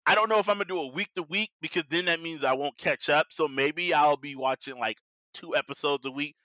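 A man's voice: a little high, brisk, bright, forceful tone, no room sound. A man hosting a podcast, chatting casually about anime in an informal, slangy, upbeat way. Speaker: podcast host.

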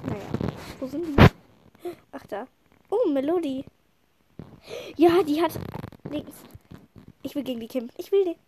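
Bubbly gamer girl, high voice, slightly sniffly from a cold, giggly chat. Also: a little slow, long pauses, very noisy. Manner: chatty, excitable, giggly. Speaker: gamer playing with friends. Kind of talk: casual gameplay chat.

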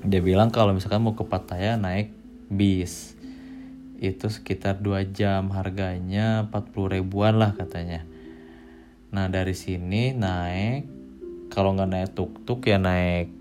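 A young man telling a travel story casually, rambling with many fillers and pauses. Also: deep voice, steady tone, music in the background. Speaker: travel vlogger.

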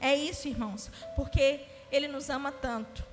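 High-voiced fervent woman pastor preaching. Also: fairly even intonation, moderate pace. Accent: Brazilian Portuguese. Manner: fervent preaching, acting out quoted prayers. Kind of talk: sermon. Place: church hall. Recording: church hall reverb with background music.

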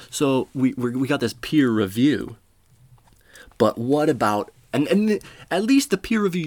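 A podcast host with a medium-pitched voice, recorded with no room sound, delivers a casual comedic monologue. He tells a rambling, profane story that pokes fun at himself.

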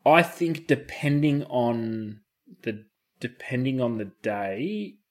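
A man's voice: mid-range voice, animated, slow. A man with an Australian accent in casual conversation as a co-host, talking in laid-back, colloquial slang. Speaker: podcast co-host. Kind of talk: casual chat.

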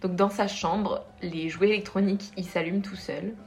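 A young woman telling a ghost story to friends in a casual, lively way, with dramatic pauses. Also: medium pitch, soft background music.

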